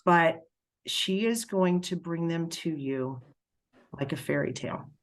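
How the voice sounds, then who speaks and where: A middle-aged woman with a low voice gives a spiritual reading, pausing often and filling gaps with "um." She talks haltingly and gets emotional as she relays what she senses. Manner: halting, emotional, many fillers and pauses. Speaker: spiritual medium.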